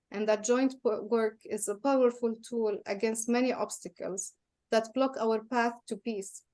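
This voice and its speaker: A woman peace activist delivering a prepared public speech at a city hall event, earnest and measured. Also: fairly high pitch, a little mellow.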